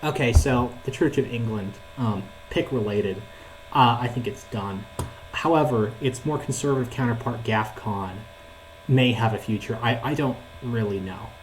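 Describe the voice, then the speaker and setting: A man's voice: medium pitch, moderate pace, slight background noise, rough recording. Man on a call that keeps dropping out. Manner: hesitant, keeps asking if he can be heard. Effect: call dropping out, voice breaking up. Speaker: guest on a call. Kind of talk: casual chat. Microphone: online voice call.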